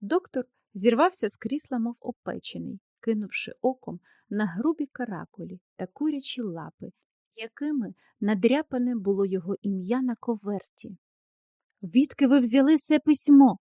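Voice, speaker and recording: A woman narrating a classic literary story in a measured, expressive way. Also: mid-range voice, creaky, no echo. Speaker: audiobook narrator.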